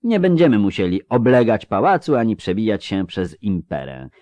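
A man reading aloud gives us a scheming male conspirator talking his allies round with rousing speeches. The voice is lowish and very lively in pitch. The sound is close and dry. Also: normal speed, no echo, lo-fi sound. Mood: persuasive. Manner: persuasive, rousing.

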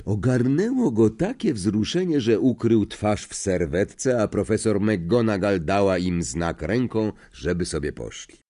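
Expressive male audiobook narrator. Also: fairly low pitch, unhurried, hardly any pauses. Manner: expressive, acts out characters. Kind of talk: scripted narration.

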